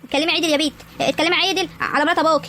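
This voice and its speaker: A woman's voice: high-pitched, steady tone, very fast, sharp tone, slight background noise. A woman voicing a stern old village grandmother in a cartoon, firmly scolding and praying. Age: older. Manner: scolding, firm.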